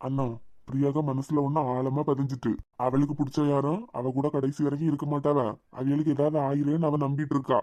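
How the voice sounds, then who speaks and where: A man's voice: fairly high pitch, a little mellow, no room sound, close to an everyday voice. A man with a Kanyakumari Tamil accent voicing an earnest younger brother in a cartoon web series, reassuring his grieving sibling. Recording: dull lo-fi sound.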